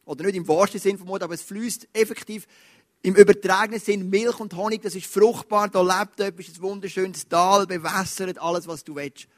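A man preaching a sermon as pastor, emphatic, swinging between loud urging and quiet asides. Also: high-pitched, steady tone, a little fast.

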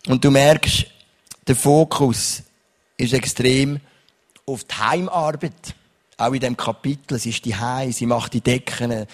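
A young man preaching a sermon as pastor, reading Bible verses and often turning to his listeners with a questioning "oder?". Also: mid-range voice. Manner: lively preaching, reads Bible verses, asks the crowd "oder?".

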